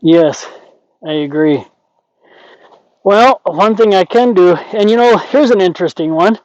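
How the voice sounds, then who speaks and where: Older male trainer, conversational and illustrative, slightly high voice, close lo-fi recording. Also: unhurried, a little mellow, dry recording. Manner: conversational, acts out imagined quotes. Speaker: horse trainer. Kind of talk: casual explanatory talk to camera and companion. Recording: dull lo-fi audio.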